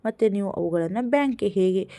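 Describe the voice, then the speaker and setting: A woman's voice: mid-range voice, lively intonation, fairly quick, dark tone, close to an everyday voice. Woman reading a stern middle-aged detective. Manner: firm, questioning.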